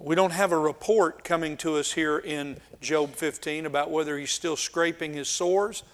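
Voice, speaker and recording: Slow, deliberate male preacher. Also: fairly high pitch. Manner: slow and deliberate, with frequent filler pauses; reads scripture aloud with emphasis. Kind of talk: Bible study sermon.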